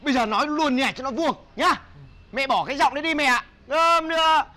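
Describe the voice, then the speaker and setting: An actor playing a rowdy young man with a Northern Vietnamese accent, who pleads and scolds in a fast, overdone way. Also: very high-pitched, sharp tone. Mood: scolding. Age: young adult. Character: rowdy young guy, melodramatic and blunt. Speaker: actor in comedy sketch.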